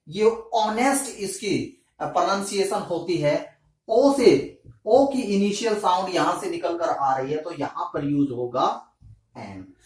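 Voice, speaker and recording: A male teacher explains grammar step by step, posing questions to his class and answering them himself. His pitch moves up and down a lot, and his delivery is unhurried. He sounds set back from the microphone in a very reverberant room. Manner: slow, deliberate explaining. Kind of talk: classroom lesson in Hindi. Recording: echoey room, mic at a distance.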